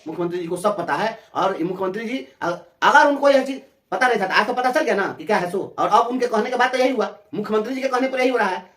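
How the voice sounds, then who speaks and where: A speaker from Bihar with a Bihari accent answers an interviewer at length. The voice is mid-pitched, fiery and mocking, and it piles up repeated phrases. The sound carries the ring of an echoey room. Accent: Bihari Hindi. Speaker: teachers' representative.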